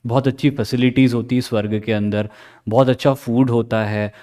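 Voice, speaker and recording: A man with an Indian accent giving a lively recorded history lecture, asking questions and acting out students' answers. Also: medium pitch, moderate pace. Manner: lively, asks questions and acts out students' replies. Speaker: history teacher.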